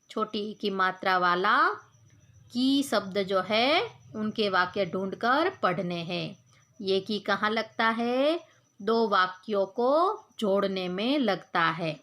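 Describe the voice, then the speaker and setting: A woman teacher talks very slowly and patiently to young pupils. She repeats each point, asks the class questions and answers them herself. She drops in the odd English word and spells words out sound by sound. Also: mid-range voice, a bit bright. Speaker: school teacher. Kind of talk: Hindi grammar lesson for children.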